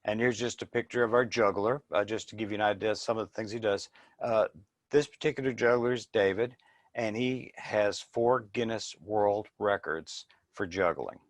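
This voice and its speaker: Male business presenter, slightly low voice, dry close sound, informal and explanatory. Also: normal speed, no echo.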